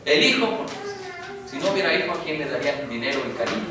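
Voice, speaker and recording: A man's voice: a little high, lively intonation, fast. A man preaching a sermon as pastor, asking the congregation rhetorical questions and speaking to them directly. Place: church sanctuary. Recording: echoey church, distant mic, background noise.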